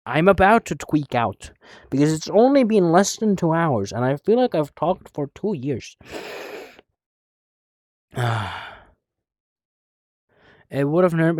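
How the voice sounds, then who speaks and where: A man's voice: on the high side, no room sound, studio quality. A man streaming a game live, rambling casually, swearing a lot and making playfully dramatic, mock-whiny complaints.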